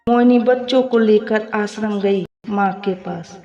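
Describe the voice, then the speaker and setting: A woman tells a moral family story at a slow, deliberate pace. She narrates in plain storybook fashion. The voice rings in an echoey room. The sound is slightly dull. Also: medium pitch, steady tone, mellow. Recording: echoey, slightly muffled home recording.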